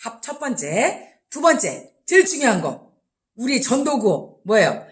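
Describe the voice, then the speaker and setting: A woman evangelist telling a Bible story to children in a lively way and often asking them questions. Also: a little high, a little slow.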